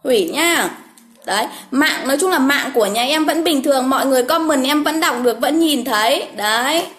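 There's a little hiss or hum as a woman hosts a casual livestream from home to draw giveaway winners. Her high-pitched voice is animated, fairly quick, and a bit bright, and she chats, repeats names over and over, and exclaims often.

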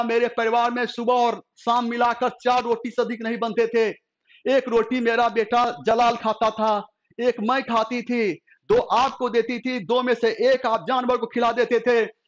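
A man's voice: extremely high pitch, highs cut off, voice pushed up. A male teacher voicing a Mughal queen pleading with her husband, in an impassioned storytelling voice.

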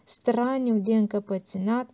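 A woman narrating literary fiction in a measured, steady audiobook reading, on a dull lo-fi recording. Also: fairly high pitch. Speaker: audiobook reader.

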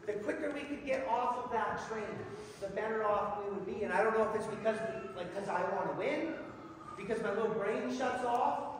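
A middle-aged lay preacher gives a folksy, self-deprecating sermon in a church hall, repeating words as he goes. His voice is high and his pace moderate, heard from far off in a noisy, echoey hall.

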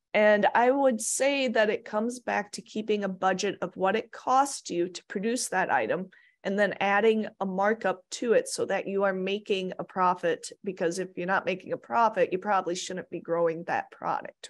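A woman from Minnesota giving a practical slide lecture as an extension economist, plainspoken with light asides, speaking into a computer mic. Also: medium pitch. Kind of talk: recorded slide presentation.

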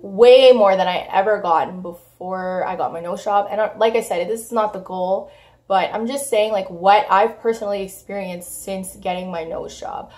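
A young woman talking to camera in a frank, chatty vlog, her voice hoarse from a cold, swearing freely and filling with "like". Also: medium pitch, normal speed, a little mellow. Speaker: vlogger. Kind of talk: casual vlog talk to camera.

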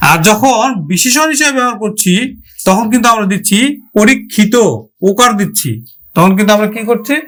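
A man's voice: high-pitched, fairly quick, fairly bright tone. A man teaching a grammar lesson for exam preparation, asking his students rhetorical questions and sounding out words syllable by syllable.

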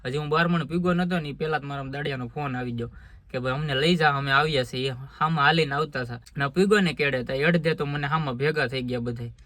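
With no room sound, the same man talks fast at a fairly high pitch and a fairly bright tone. It's an earnest, casual farm vlog to camera, filmed on a phone he holds, delivered in a homely village manner.

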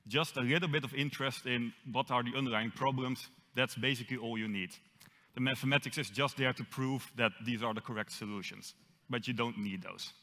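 On an auditorium stage, a young conference speaker from the Netherlands talks fairly quickly with a Dutch accent and lightly jokes at his own expense. His mid-range voice sounds bright and forward, followed by a long reverb from the hall.

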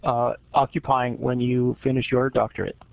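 A man conducting an interview, asking questions in a measured way with pauses. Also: mid-range voice, flat delivery, gravelly, no echo. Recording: dull lo-fi recording.

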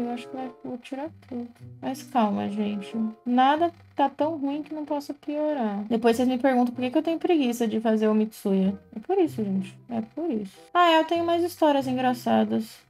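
A young woman talks casually and slangily to her viewers as she does her makeup. Her voice sits a little on the high side. Faint music plays softly behind her. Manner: chatty, slangy, self-mocking asides to viewers. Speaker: cosplay vlogger. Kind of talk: casual storytelling while doing makeup.

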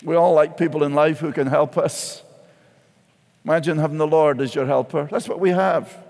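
Brief: male pastor, fairly high voice, impassioned sermon delivery, long hall reverb. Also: fairly even intonation, moderate pace, darkish tone. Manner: impassioned, repeats key phrases. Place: large church sanctuary.

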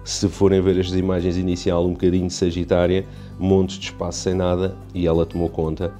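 Low, dark and completely flat, this man's voice moves fairly quickly over faint music. He's a European Portuguese aquarium YouTuber walking through his home tank update in a chatty, rambling way, full of fillers and restarts.

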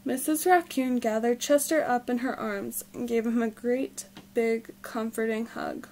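A woman reads a children's storybook aloud, narrating in a gentle, expressive way. Her voice sits a little high, and the delivery stays soft and clear for young listeners. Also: measured pace, a little hiss or hum, low-quality recording. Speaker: storybook reader.

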